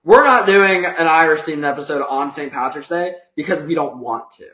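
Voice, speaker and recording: A man's voice: a little high, moderate pace, pushed and bright, roomy sound. A teenage boy co-hosting a podcast, laid-back with short, stubborn replies in casual chat. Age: teens. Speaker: podcast co-host.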